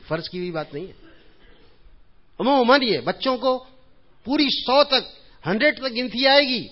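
A man giving an informal religious talk in a mosque, telling humorous anecdotes in a chatty way and chuckling at his own jokes. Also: medium pitch. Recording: dull lo-fi recording.

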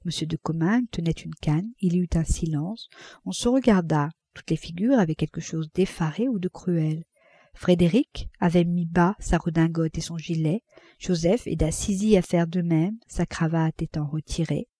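A woman reading a classic novel aloud as an audiobook, in a measured narrating voice. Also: slightly rough, no room sound, studio quality. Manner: measured, voices characters with raised pitch and loudness. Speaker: audiobook reader.

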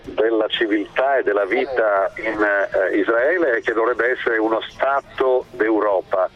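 A man's voice: lowish voice, a little slow. A man giving his opinion as an interviewed guest in a reflective way, on a lo-fi recording. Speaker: interviewed guest in a played clip. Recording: dull lo-fi phone-like clip.

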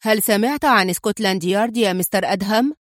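A woman reading an angry, chain-smoking male police inspector in an audiobook, with a sharp, scolding manner. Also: high voice, quick pace, no room sound, studio quality. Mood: irritable.

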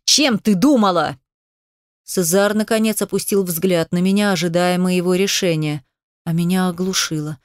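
A woman's voice: lowish voice, fairly even intonation, normal speed, a little mellow, clean tone, no room sound, clean studio sound. A woman narrating a first-person audiobook with an emotive, dramatic reading.

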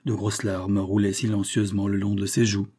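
A man narrating a classic novel in a measured, dramatic reading as an audiobook. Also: on the low side, completely flat delivery, dark tone, slightly rough. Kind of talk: scripted literary narration.

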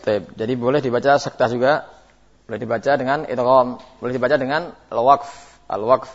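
A man's voice: mid-range voice, fairly even intonation, brisk. A man teaching Quranic recitation rules, modeling sounds and repeating them to correct listeners while answering questions. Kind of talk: tajwid lesson answering questions. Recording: muffled lo-fi 2000s lecture tape.

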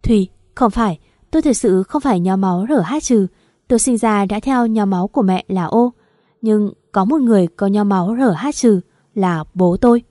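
A woman reading the lines of a calm, steadying young husband in a storybook narration. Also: mid-range voice, normal speed, no room sound, studio quality, natural voice. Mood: urgent.

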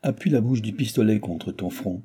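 A man reading a stern male president of a secret society in an audiobook, giving orders in a low, very dark, husky voice. Each command comes out solemn and weighty. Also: normal speed.

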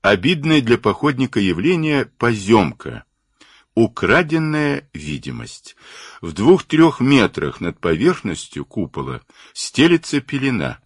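A man narrating an audiobook in a measured storytelling manner. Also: medium pitch, big pitch swings, breathy edge, no room sound, studio quality.

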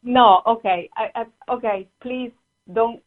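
A woman's voice: on the high side, slow. A woman on a phone call, firm and insistent, repeating her demands. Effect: clipped phone line. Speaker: prank call target. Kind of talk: phone argument. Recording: tinny phone line.

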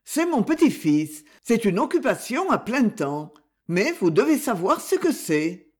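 Genial gallant grandfather, voiced by a woman reader, lively melody. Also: a little high, measured pace, breathy edge, voice pushed up, full character voice. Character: charming grandfather, mature and gallant.

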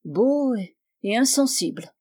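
A prickly, flirtatious spinster with a sharp, piping voice, as a woman reading aloud puts her on. She teases and takes offense quickly, her voice jumping up and getting loud. Audiobook reading. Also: animated. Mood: gossipy. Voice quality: sharp, high-pitched voice. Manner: teasing, quick to take offense. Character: shrill, tart, flirtatious spinster.

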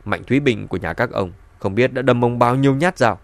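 A man's voice: medium pitch, brisk, no echo, close to an everyday voice. A scornful, scheming grandmother in a spoken audiobook, put on by a male narrator. She mocks and scolds with a cutting edge. The recording is close and dry. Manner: scornful, mocking. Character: sharp-tongued scheming grandmother, sneering and quick to anger.

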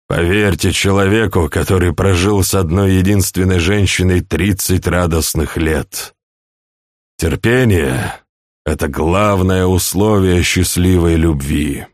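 A man's voice: low voice, dry recording, clean studio sound. Man reading a shrewd fatherly old chancellor. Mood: calm. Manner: calm, measured, persuasive. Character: older male chancellor, calm, shrewd, fatherly uncle. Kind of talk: audiobook character reading.

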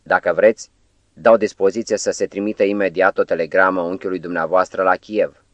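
A man's voice: low-pitched, no room sound, natural voice. A man voicing an eccentric, mysterious foreign professor in an audiobook, shifting between melancholy and emphatic pleading. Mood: insistent.

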